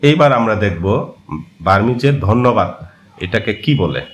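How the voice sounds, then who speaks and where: Man with a lowish voice, native Marma speaker, screen-share language lesson, patient explaining, frequent hesitations. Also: animated, measured pace, slight background noise. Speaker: language course teacher.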